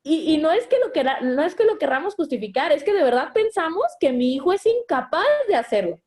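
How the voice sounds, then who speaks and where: High-voiced woman giving parenting advice. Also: big pitch swings, fairly quick, a little mellow. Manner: earnest, explanatory, with frequent restarts. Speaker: guest speaking as a mother.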